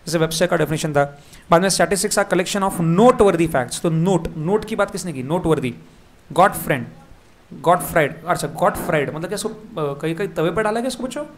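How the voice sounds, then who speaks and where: A man with an Indian accent teaching an exam revision lecture, repeating key words and firing quick questions at his students. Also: on the high side, slight background noise.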